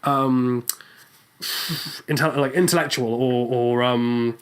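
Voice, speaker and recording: A man's voice: medium pitch, slow pace. A man with a posh British RP accent, chatting as a podcast co-host in a sarcastic, cynical way. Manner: sarcastic, cynical and animated, with many fillers. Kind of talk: casual chat. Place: small room in student housing.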